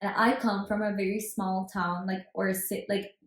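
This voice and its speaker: A twenty-year-old woman from Germany talks as a podcast guest, relaxed and chatty, full of casual fillers. Her voice is mid-pitched. It echoes in a roomy space. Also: moderate pace. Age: 20s. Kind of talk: casual chat. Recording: roomy echo.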